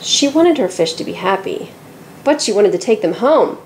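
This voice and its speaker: A woman reading a children's picture book aloud, telling the story in a lively and expressive way. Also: medium pitch, normal speed, a little hiss or hum, poor audio. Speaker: storybook reader.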